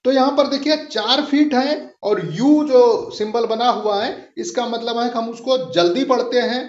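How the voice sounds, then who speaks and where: A man teaching English literature in a patient, explanatory lesson, repeating each point and slowing down for key terms. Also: very high voice, fairly even intonation. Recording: roomy, dull lo-fi sound.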